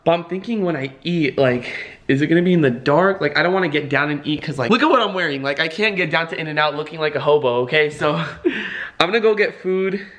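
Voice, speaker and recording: Nervous young man vlogging, fairly high voice. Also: expressive, a little fast, a bit bright. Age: 20s. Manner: nervous, slangy, talks to himself. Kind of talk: casual vlog chat to camera. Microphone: handheld camera at arm's length.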